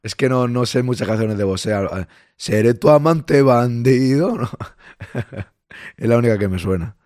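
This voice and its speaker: Hoarse host chatting on a live stream. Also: male voice, on the low side, fairly even intonation, normal speed, darkish tone, no room sound, clean studio sound. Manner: chatty, greets listeners by name, reassuring. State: hoarse, losing his voice. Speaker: podcast host reading live chat. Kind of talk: casual live-stream chat.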